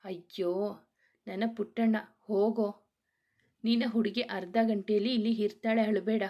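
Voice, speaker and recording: A woman's voice: medium pitch, fairly even intonation, normal speed, dull audio, close to an everyday voice. A woman voicing a bossy but affectionate young sister-in-law who scolds firmly. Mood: doting. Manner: scolding, then doting.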